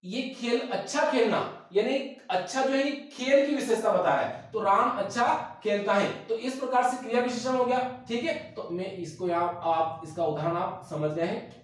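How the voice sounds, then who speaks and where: Guy teaching grammar for exams, kinda high voice, repeats definitions slow like dictation, really echoey room, mic sits far off. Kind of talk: board exam grammar lesson.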